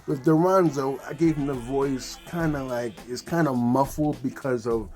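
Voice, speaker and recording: A man's voice: medium pitch, fairly even intonation, moderate pace, a little mellow, soft background music. A man teaching ventriloquism in an upbeat, slangy, chatty way. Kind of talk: casual tutorial.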